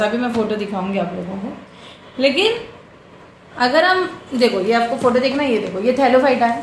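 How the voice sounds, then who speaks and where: Woman teaching biology in an echoey room. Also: high-pitched. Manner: explains step by step, often checks with "ठीक है"; has students repeat terms after her. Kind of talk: bilingual classroom lecture. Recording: echoey room with faint background noise.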